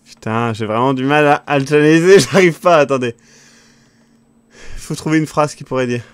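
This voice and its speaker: A man running a live tabletop game, flustered and swearing, asking others to be quiet while he thinks. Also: mid-range voice, moderate pace, clear, resonant tone, no echo. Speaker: game master. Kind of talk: casual live-stream game chat.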